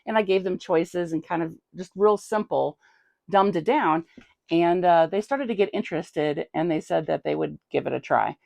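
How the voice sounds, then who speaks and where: Woman with a heavy vocal fry. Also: fairly low pitch, moderate pace, darkish tone, no room sound. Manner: chatty, conversational, thinking aloud. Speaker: tabletop game master and channel host. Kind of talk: casual vlog reply to a viewer question.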